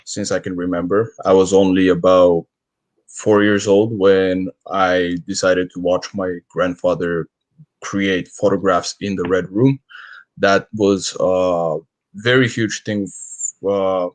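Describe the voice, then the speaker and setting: A man from Bulgaria, a guest photographer, speaking in a halting, casual way on a video call. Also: low voice, fairly even intonation, no echo. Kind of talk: casual interview talk.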